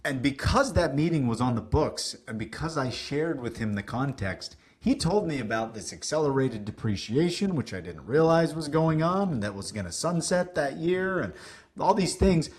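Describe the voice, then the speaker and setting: A man telling stories as a guest on a business podcast, lively, acting out what people said, with some casual swearing. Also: a little high, normal speed. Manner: animated, acts out quoted dialogue, casual swearing. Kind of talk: casual interview storytelling.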